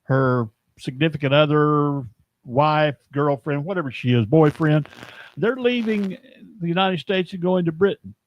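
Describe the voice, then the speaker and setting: A man hosting a casual sports talk show, talking in a meandering, halting way and often restarting his sentences. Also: fairly high pitch, dry recording, highs cut off. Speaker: host.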